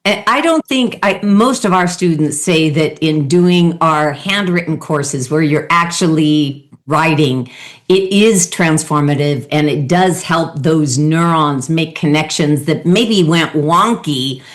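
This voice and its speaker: A woman's voice: sits low, slow pace. A woman hosting an interview and coaching, chatty and encouraging as she talks with her guest. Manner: encouraging, chatty, laughs often. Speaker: host, coach. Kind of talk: interview conversation.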